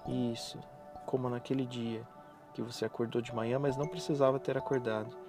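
A soft-spoken man leads a guided relaxation hypnosis, giving slow, soothing, repetitive instructions with pauses. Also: medium pitch, flat delivery. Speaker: hypnotherapist guiding a relaxation session. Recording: voice over background music. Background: relaxation music.

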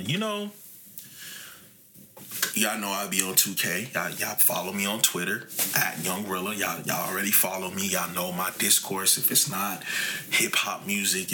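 A man in his late twenties hosting a casual sports podcast, animated and talkative, his voice jumping up when he gets excited. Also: low-pitched, a little hiss or hum. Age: 20s. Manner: animated, rises to near shouting when excited. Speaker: podcast host.

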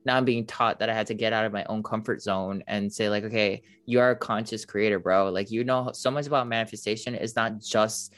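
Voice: mid-range voice, fairly even intonation, brisk, hardly any pauses, fairly bright tone, no echo. A podcast host chatting casually in a slangy, sweary, informal way. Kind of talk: casual chat.

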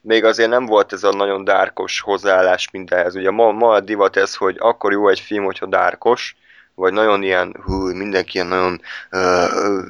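A man's voice: low-pitched, little pitch movement, fairly bright tone, smooth, dry recording. A man casually reviewing superhero films with a friend, talking in a hesitant way with many fillers and restarts. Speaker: film reviewer. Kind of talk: casual film review chat.

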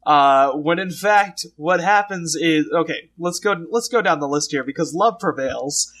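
A man's voice: on the high side, animated, measured pace, a bit bright. A man from Texas co-hosting a podcast, recapping a show with lots of jokes, laughter and restarts. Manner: jokey, laughs often, trails into restarts. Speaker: podcast co-host. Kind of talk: casual comedic recap chat.

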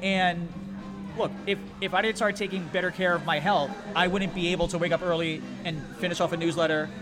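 A man who works as a political reporter, chatting casually as a podcast guest and telling animated stories. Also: sits high, a little fast, music in the background. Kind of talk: casual chat.

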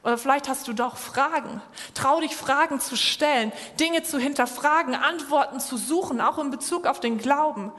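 Woman preaching, kinda high voice, talks right at you, lots of hall echo. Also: moderate pace, a bit bright. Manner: direct, encouraging address to listeners. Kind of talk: sermon. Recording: long hall reverb.

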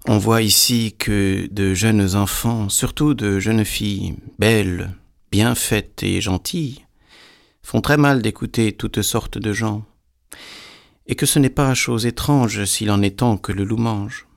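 A man reading a fairy tale aloud in a measured, deliberate way. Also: on the low side, creaky. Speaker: storyteller.

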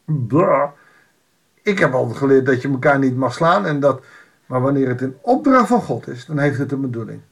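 A man's voice: medium pitch, expressive, a little fast, vocal fry. A man giving an informal Bible devotional, reading a passage aloud and explaining it in a conversational way with wry asides.

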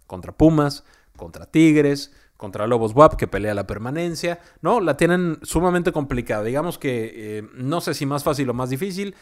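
A man with a Mexican accent giving casual football analysis, chatty, often tagging his points with quick questions to the listener. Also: medium pitch. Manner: conversational, frequent "¿no?" tags and "este" fillers.

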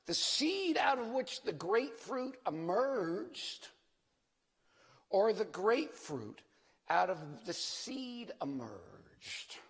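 An older man lectures on religion like a rambling professor, drifting off and circling back with emphatic questions. His voice is husky and swings dramatically up and down. It rings through a large hall with long reverb. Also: high-pitched, very animated, slow pace. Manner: rambling, digressive professor who loses his thread; theatrical, emphatic rhetorical questions. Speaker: lecturing preacher.

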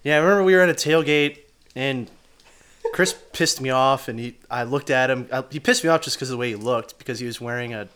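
A man in his twenties, a podcast guest, chatting casually in a blunt, deadpan way and swearing freely. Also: medium pitch, fairly quick, a little hiss or hum.

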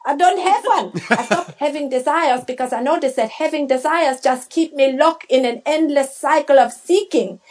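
Woman as a very high-voiced quirky contestant. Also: normal speed, hardly any pauses, a little mellow, natural voice. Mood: serene. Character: quirky, chatty, earnest woman game show contestant. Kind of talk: comedy sketch acting.

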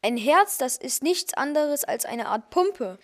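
A woman's voice: high-pitched, expressive, measured pace. A woman voicing a kindly man who poses as a wizard in a children's audio story, explaining things patiently and chattily.

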